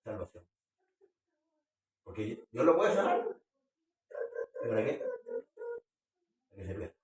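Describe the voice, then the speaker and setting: A man's voice: medium pitch, very animated, a little slow, a little mellow. Male pastor giving an earnest sermon with questions, recorded far off in an echoey hall. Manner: earnest preaching, questions to the congregation. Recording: echoey room, far from the mic.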